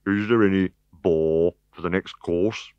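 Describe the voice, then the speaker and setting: A man's voice: sits low, very slow, clean tone, no echo. A man reading a storybook, voicing a big, hungry, good-natured Gaul who sounds hopeful and childlike. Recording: dull, dry recording.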